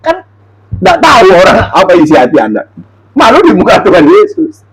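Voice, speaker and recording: A man preaching informally, reading Bible verses and acting out quotes in an animated way. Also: high voice, fairly quick, husky, poor audio. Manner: animated, laughs often, acts out quotes.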